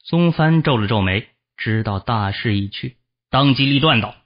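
A man narrating a fantasy novel as an audiobook, with expressive storytelling, in a dull lo-fi recording. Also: medium pitch, moderate pace.

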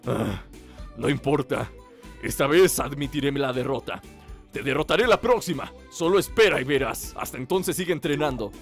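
A man voicing a proud, defeated warrior prince in a low, grave, stubborn tone. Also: expressive, moderate pace, soft background music, natural voice. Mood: grudging defeat.

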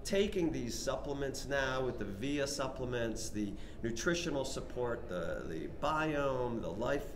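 Animated man in his forties, echoey room. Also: mid-range voice, a little slow, hardly any pauses. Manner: animated storytelling, lists points. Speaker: health practitioner. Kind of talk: conversational interview answer. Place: large indoor convention room. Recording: echoey room with background noise.

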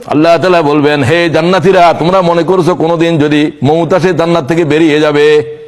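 A fairly high-voiced man delivers a sermon. He slips into slow, sing-song chanting for recited passages and breaks into sudden high exclamations. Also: steady tone, darkish tone. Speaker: preacher.

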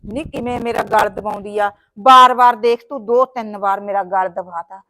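A woman's voice: high voice, brisk, noisy background, close to an everyday voice. A woman playing a fretful, wailing Punjabi sister-in-law. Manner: dramatic wailing, scolding. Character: fretful sister-in-law caring for her brother's wife. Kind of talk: village short-film acting.

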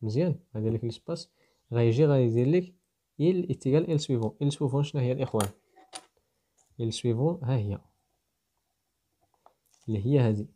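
Here the man speaks fast in a dark, mid-range voice, pausing often. With his Moroccan Arabic accent, he gives students a programming lesson, stepping through code while thinking out loud.

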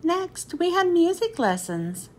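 With a very high voice and a slow pace, a woman performs a children's picture book expressively before closing with thanks to those listening.

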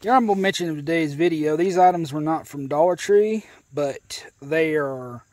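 An American man around his thirties hosts an outdoor video, casually reviewing gear to camera in a grassy rural yard. He is folksy and conversational, with a slightly mellow voice on the high side at a moderate pace, and there is no room sound.

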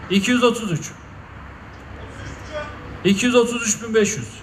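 High-pitched male auctioneer calling bids. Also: a bit bright. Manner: auctioneer's repetitive calling of figures and last chances. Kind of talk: live auction bid calling. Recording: echoey noisy room, distant mic.

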